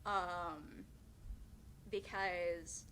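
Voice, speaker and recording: Young woman, late teens, nervous, rambling, laughs through it, slow unhurried delivery, bright tone. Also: on the low side, fairly even intonation. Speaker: graduating theatre student giving a farewell speech. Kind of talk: unscripted farewell speech.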